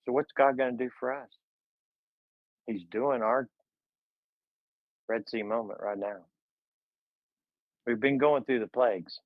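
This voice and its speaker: A man's voice: medium pitch, steady tone, unhurried, pauses often, no echo, narrow, tinny audio. A man retelling a scripture story in a fervent, preaching style, full of dramatic repetition.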